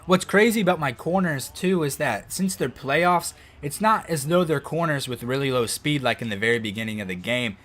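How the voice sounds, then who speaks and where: A man giving casual commentary as he plays a football video game, breaking into excited, loud outbursts at the plays. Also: medium pitch, normal speed, hardly any pauses. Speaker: gaming video host.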